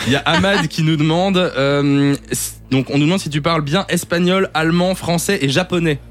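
A man hosting a radio interview, upbeat and lively. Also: on the high side, moderate pace, soft background music. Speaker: radio host.

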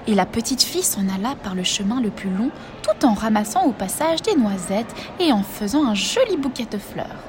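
A woman reading a fairy tale aloud in a measured, expressive storytelling voice. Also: fairly high pitch, background noise.

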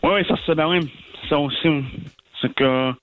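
Male caller, halting speech, muffled phone line, slightly high voice. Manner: halting, searching for words. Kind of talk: phone-in chat.

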